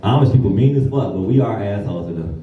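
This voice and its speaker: A young man from Ohio doing profane stand-up comedy, chatting with the crowd and slipping into squeaky quote voices. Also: animated, fast talker, narrow, tinny audio, heavy background noise. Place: comedy club stage. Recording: roomy club sound from a distant mic. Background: audience laughter.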